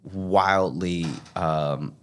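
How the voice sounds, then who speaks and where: A man with a deep, heavy, sonorous radio voice, speaking reflectively as an interview guest in a measured, searching way with pauses. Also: fairly even intonation, fairly bright tone. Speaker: guest, stand-up comedian.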